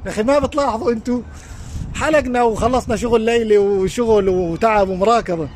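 This high-pitched, fast-talking man has a somewhat mellow voice, recorded with a faint hiss or hum. He's a Levantine-accented life coach live-streaming outdoors by a lake on his phone, giving sincere advice straight to his audience.

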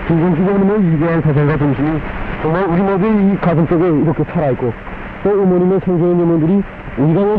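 Quick, high-set North Korean man. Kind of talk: formal radio tribute. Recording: tinny shortwave radio with static. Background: radio static.

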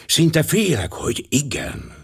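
A man's voice: on the high side, huge pitch swings, gravelly, breathy edge, pitched above the performer's own voice, full character voice. A man voicing a fussy, vain older male Belgian detective who talks pompously and drops French words. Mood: musing.

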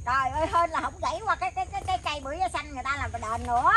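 Shrill fast-scolding Mekong Delta woman. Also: heavy background noise. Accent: Southern Vietnamese, Mekong Delta. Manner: scolding, loud and rapid. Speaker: comedy skit actor playing a mother. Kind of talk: comic family skit. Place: outdoors in a fruit orchard.

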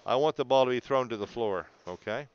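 Talking fairly quickly in a medium-pitched voice, a man coaches a bowling student through video analysis, staying encouraging and explanatory and frequently checking in. The sound is lo-fi, with slight background noise.

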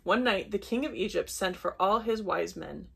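A woman reading a children's Bible story aloud at bedtime, gentle and unhurried, with brief self-corrections. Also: mid-range voice, vocal fry, breathy edge.

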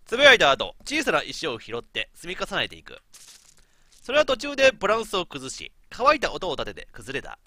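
A man's voice: high voice, huge pitch swings, a little fast, pushed and bright, no echo. A man streaming a game, quipping and reading the lines aloud theatrically. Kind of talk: animated let's play commentary, reading lines aloud. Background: faint game music.

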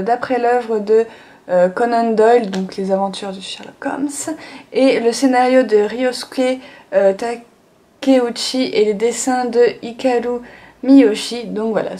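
Sitting in a sunlit room at home, a young manga vlogger chats her way through a haul video, full of little fillers and frequent "donc voilà." She has a mellow voice on the high side.

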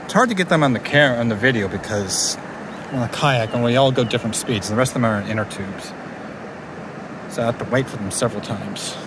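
A man's voice: medium pitch, a little fast, background noise. A man casually narrating a vlog from a kayak on a river, rambling with restarts and fillers. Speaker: vlogger. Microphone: handheld camera.

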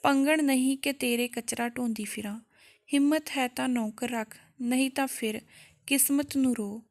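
A haughty, furious young woman snaps at everyone who asks her for help, as a female storyteller puts her on. The voice sits a little high and stays scornful and cutting. Told as a storybook tale. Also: fairly even intonation, normal speed, dark tone. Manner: scornful, snapping.

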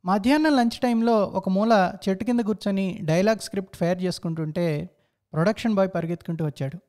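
A man's voice: high voice, fast, a little mellow. A man narrating a first-person story in a reflective, introspective way.

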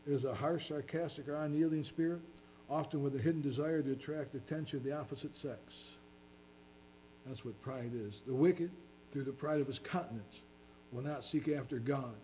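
A man's voice: on the high side, warm tone, slight background noise, poor audio. A man preaching a sermon as pastor, earnestly reading scripture in King James wording.

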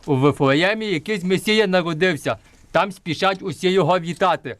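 A man's voice: high voice, a little fast, a bit bright, no echo. A man performing a wrathful, boastful tyrant king in a folk nativity puppet play, speaking in a pompous, commanding declamation. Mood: imperious.

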